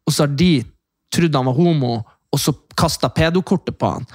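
A young man telling a long story in casual chat, animated and swearing, acting out other people's shouts. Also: fairly high pitch, breathy edge, no echo, clean studio sound. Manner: animated, acts out quoted voices loudly; swears a lot, fast rambling.

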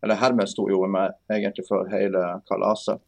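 A man's voice: low voice, level tone, gravelly. A man with a Northern Norwegian accent, chatting casually as an interview guest. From Northern Norway. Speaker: podcast guest, game developer.

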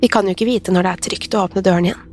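A man's voice: high voice, steady tone, darkish tone, slight background noise. A woman reading the lines of a frightened but protective father in a story, firm and reassuring. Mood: grim. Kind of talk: read-aloud story dialogue.

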